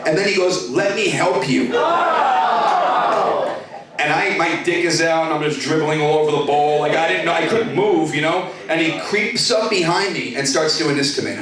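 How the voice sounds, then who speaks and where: A man's voice: a little high, a little fast, few pauses. A man in his thirties doing a profane stand-up comedy set, working the crowd in a comedy club. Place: comedy club stage with laughing audience. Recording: echoey club, distant mic, crowd laughter.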